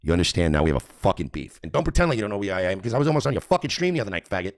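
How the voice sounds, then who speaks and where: A man's voice: low voice, big pitch swings, very fast, dry recording, studio quality. A man hosting a radio show, ranting in a profane, mocking, repetitive way. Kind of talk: ranting commentary.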